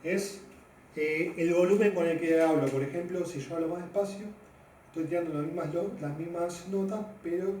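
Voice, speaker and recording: A man gives a physics lesson in a loose, halting way, full of fillers. His mellow voice sits a little high for a man. He is heard from a distance in a very echoey room, with a faint hiss behind him. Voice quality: deep-voiced by his own account. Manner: loose, hesitant explaining with many fillers. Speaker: physics teacher.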